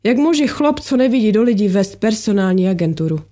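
A woman's voice: medium pitch, lively intonation, warm tone, natural voice. A woman reading aloud, voicing a grumbling male office worker on a night hike in an audiobook. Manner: grumbling, mocking.

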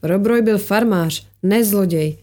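A woman's voice: mid-range voice, warm tone, lightly acted. A woman reading aloud, voicing a grumbling male office worker on a night hike in an audiobook. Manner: grumbling, mocking.

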